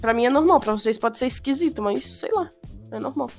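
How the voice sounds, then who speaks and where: A woman's voice: sits high, animated, fairly quick, faint music behind. A young woman with a Brazilian accent in a casual, slangy chat.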